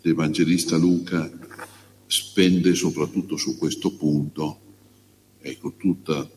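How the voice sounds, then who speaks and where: A man, a priest, reading the gospel and preaching a homily in a slow, measured, pausing way. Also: very deep voice, steady tone, darkish tone. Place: church. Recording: long church reverb, faint hum.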